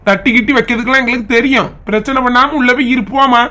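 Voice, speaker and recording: Speaking at a racing pace, a woman with a Kanyakumari Tamil accent portrays a tired married son pleading with his mother and defending his wife for a comedy sketch. Her tone is bright and forceful, pitched on the high side with fairly even intonation, and she sounds exasperated yet placating.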